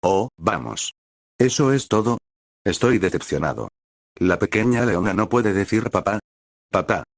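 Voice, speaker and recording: A man's voice: fairly low pitch, expressive, unhurried, creaky, long pauses, dry recording, studio quality, exaggerated voice. A man voicing a cocky young male scientist and doting father, smug and precise, in a storybook reading. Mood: teasing.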